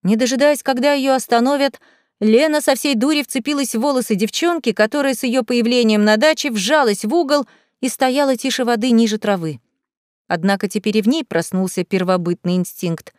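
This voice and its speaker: Expressive woman audiobook narrator, dry sound. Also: on the high side, fairly quick, no echo. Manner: lively, expressive reading. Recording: dry close studio sound.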